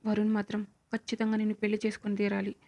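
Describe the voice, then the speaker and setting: A woman voicing a stern, scheming elderly grandmother who speaks gravely and commandingly in a storybook reading. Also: medium pitch, completely flat delivery, very fast, dark tone, natural voice.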